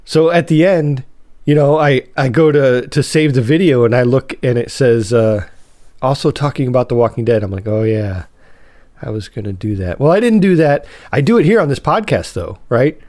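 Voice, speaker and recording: A man's voice: mid-range voice, lively intonation, moderate pace, darkish tone, no room sound. Nasal man with a cold, chatty podcast. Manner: rambling, self-correcting, chatty. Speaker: podcast host. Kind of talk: casual solo podcast talk.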